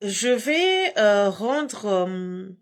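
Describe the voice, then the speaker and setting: A woman's voice: mid-range voice, big pitch swings, very slow. A woman hosting a casual live stream from home on her phone, talking in a combative, emphatic way with frequent laughs.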